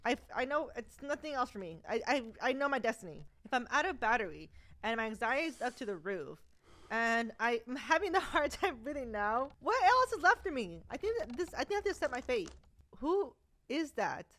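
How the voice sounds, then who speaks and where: A young woman with a high, light voice commentates her way through a horror game. She chats straight to her viewers and laughs nervously, talking along as she plays. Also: very animated, fairly quick, a bit bright. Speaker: gaming YouTuber. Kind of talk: let's play commentary.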